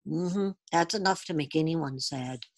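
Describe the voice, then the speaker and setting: Brief: a woman reading as a slow, mild, kindly dragon, breathy, storybook. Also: mid-range voice, big pitch swings, no room sound, full character voice. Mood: gentle. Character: gentle kindly big male dragon. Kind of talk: storybook read-aloud.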